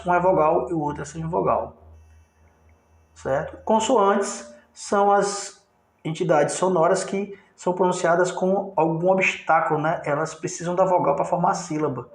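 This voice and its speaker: Man, teacher from Brazil, grammar review lesson, explanatory, checks in with listeners, echoey room. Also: a little high.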